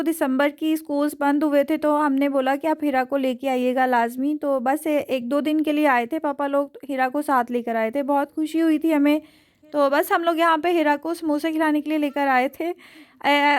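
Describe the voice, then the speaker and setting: A woman's voice: high-pitched, no room sound, studio quality. A young woman, chatting casually to her viewers in a family vlog. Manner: chatty, addresses viewers directly. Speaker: family vlogger.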